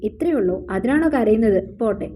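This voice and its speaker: A woman voicing a gentle young husband who speaks in a soothing, reassuring way. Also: fairly high pitch, expressive, a little fast, a little hiss or hum, lightly acted.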